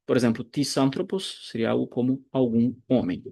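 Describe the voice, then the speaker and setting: A man teaching Greek grammar in a recorded online lecture, explaining slowly and deliberately, pausing and correcting himself as he goes. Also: medium pitch, steady tone, gravelly, warm tone. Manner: slow, deliberate explaining with pauses and self-corrections.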